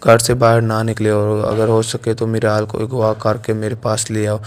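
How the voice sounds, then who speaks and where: Ruthless schemer woman, read by a man, flat, low delivery. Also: lightly acted. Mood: cold. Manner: plain reading of quoted lines.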